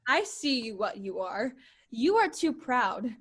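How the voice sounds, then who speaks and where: A woman's voice: fairly high pitch, sing-song, slow, fairly bright tone, breathy edge, full character voice. A woman acting a young woman disguised as a page, speaking Shakespearean verse with earnest passion. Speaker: actor.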